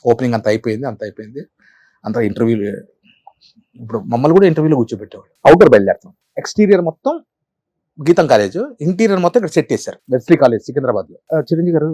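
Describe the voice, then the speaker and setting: A middle-aged man and comedian, telling animated stories in an interview, repeating phrases for effect. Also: medium pitch, no room sound. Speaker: comedian guest. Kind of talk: storytelling interview.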